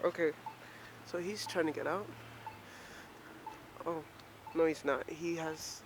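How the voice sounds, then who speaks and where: Woman, from Maryland, casual walking vlog, chatty and rambling, slightly out of breath, outdoors, handheld camera, faint traffic behind. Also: sits low. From Maryland, USA. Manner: chatty, rambling, self-mocking. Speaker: vlogger. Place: outdoors on a snowy street. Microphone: handheld camera while walking.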